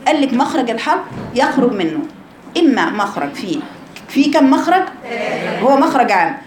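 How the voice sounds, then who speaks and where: Egyptian woman teaching recitation, echoey. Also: on the high side. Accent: Egyptian Arabic. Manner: explains with questions, demonstrates sounds by drawn-out chanting. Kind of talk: informal tajweed lesson to female students.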